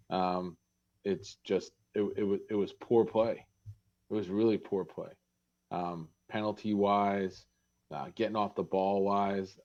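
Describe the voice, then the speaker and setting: A man co-hosting a casual sports podcast who talks hesitantly, with halting starts. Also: fairly low pitch, a little mellow. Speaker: podcast co-host. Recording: dull, lo-fi sound.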